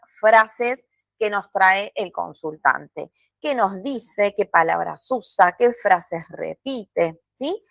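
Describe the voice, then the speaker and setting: A woman teaching a recorded video lesson in a calm, explanatory way, often checking in with short tag questions. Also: fairly high pitch, gravelly, no room sound. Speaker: course instructor.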